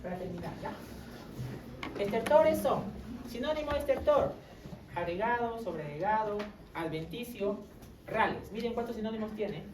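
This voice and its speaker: A woman giving a medical classroom lecture, quizzing her students with quick tag questions. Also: medium pitch, lively intonation, noisy background. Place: lecture room. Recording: roomy classroom audio from far off.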